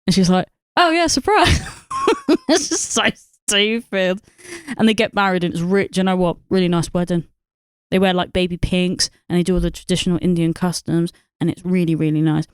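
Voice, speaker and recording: A woman's voice: lowish voice, level tone, a little fast, smooth, dry recording, studio quality. A woman, co-hosting a podcast and rambling about a film with lots of swearing, fillers and laughter. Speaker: podcast co-host. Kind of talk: casual film review chat.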